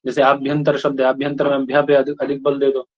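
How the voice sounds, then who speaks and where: A man's voice: mid-range voice, monotone, quick pace. A man from India teaching a class, explaining points and checking in with the students with short questions. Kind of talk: classroom lecture. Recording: lo-fi classroom recording.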